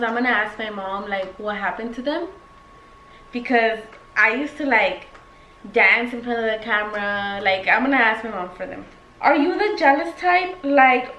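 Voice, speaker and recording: A tipsy young woman vlogs on YouTube, rambling loosely through a casual Q&A, blunt and full of swearing. Her voice runs high with a fairly bright tone, and the lo-fi audio comes from an echoey room with faint noise.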